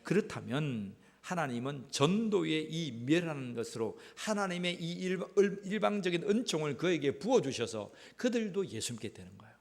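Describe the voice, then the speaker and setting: A middle-aged male pastor, preaching emphatically in a church and swinging between loud calls and low asides. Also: very animated, moderate pace, gravelly, hardly any pauses. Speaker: senior pastor. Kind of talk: sermon. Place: church sanctuary. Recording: church hall reverb.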